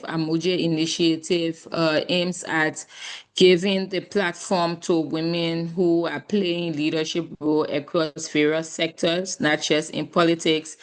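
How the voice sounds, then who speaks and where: Hoarse low-voiced Liberian woman speaking. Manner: earnest, formal, with frequent ums and uhs. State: hoarse, losing her voice. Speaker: keynote speaker, government minister. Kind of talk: keynote address. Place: rural area, joining remotely. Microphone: video call, camera off.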